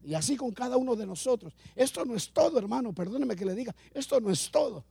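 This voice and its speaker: A man's voice: very high-pitched, animated, fast talker, creaky, warm tone, breathy edge, no echo. A man pastor preaching a sermon, repeating phrases and rising in emphasis as he addresses his congregation.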